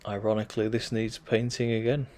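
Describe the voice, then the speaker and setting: Wandering through an old outdoor churchyard, a vlogger reads gravestones aloud and muses to himself in a casual way as his voice gives out. His voice is mellow and fairly low, with little pitch movement, and he speaks fairly quickly.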